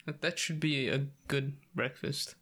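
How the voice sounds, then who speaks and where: A young man co-hosting a casual podcast chat, excitable, swearing freely and laughing often. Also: mid-range voice, measured pace. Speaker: podcast co-host.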